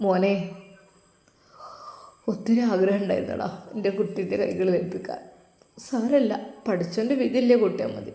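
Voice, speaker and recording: A woman's voice: mid-range voice, fairly even intonation, moderate pace, darkish tone, natural voice. A woman voicing a kindly, fatherly older male religious teacher with a Malappuram accent. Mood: sorrowful. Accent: Malappuram Malayalam. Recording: roomy echo with long reverb.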